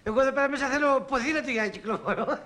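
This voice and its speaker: An actor playing a fussy, excitable man who keeps protesting over his new suit in a comic film scene. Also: very high-pitched. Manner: whiny, flustered, protesting.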